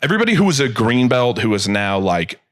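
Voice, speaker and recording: A man hosting a podcast in casual chat, rambling with many fillers and quick laughs. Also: mid-range voice, big pitch swings, dry recording, studio quality. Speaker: podcast host.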